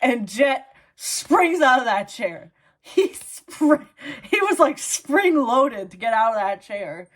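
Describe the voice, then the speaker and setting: A woman's voice: on the high side, big pitch swings, takes it slowly. A woman with a Minnesotan accent, chatting casually through a book review and padding her talk with "like" and "you know". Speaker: book vlogger.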